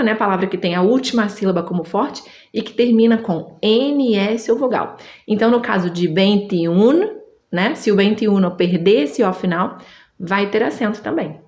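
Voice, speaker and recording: A Brazilian woman whose first language is Portuguese, teaching Spanish in an online lesson, drawing out each word slowly and checking in with her listener. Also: mid-range voice, a little mellow, echoey room, muffled recording. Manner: slow, drawn-out drilling of words, checks in with the listener.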